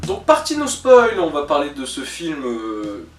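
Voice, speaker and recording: A man's voice: on the high side, huge pitch swings, unhurried, distant mic. Hesitant man reviewing a film. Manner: hesitant, many "euh" fillers and self-corrections; joking asides. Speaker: film reviewer, channel host. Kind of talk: casual spoken film review. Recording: roomy echo, voice a bit off-mic, faint music behind.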